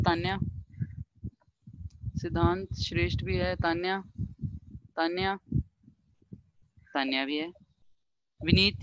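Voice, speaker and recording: A woman's voice: fairly low pitch, a bit bright, dry recording, lo-fi sound. A woman teacher running an online class over a video call, explaining step by step and mixing Hindi with English. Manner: reads through an attendance list briskly.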